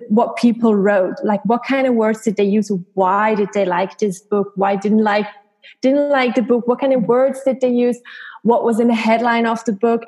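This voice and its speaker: Higher-pitched woman explaining things casually. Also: a little mellow. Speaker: interview guest, freelance social media marketer.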